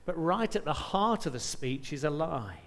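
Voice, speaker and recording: A man's voice: fairly high pitch, sing-song, normal speed, long reverb tail. A man preaching a sermon, reading scripture aloud with rising emphasis and asking rhetorical questions.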